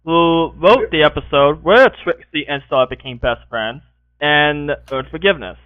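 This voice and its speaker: A man's voice: a little high, moderate pace, dry recording. A man hosting a casual group podcast call, moderating turns and encouraging the others. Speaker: podcast host. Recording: tinny phone-like call audio.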